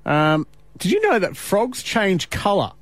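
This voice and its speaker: A man's voice: sits high, huge pitch swings, measured pace, no echo. A man with an Australian accent hosting breakfast radio in a studio, playful and teasing, often laughing as he talks. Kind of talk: casual radio banter.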